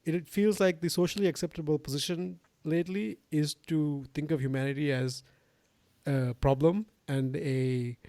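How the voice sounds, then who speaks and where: A man's voice: fairly high pitch, fairly even intonation, normal speed, warm tone, no room sound. A young man from Sri Lanka hosting a podcast, talking casually in long rambling sentences full of fillers and restarts. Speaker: podcast host. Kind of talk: casual interview conversation.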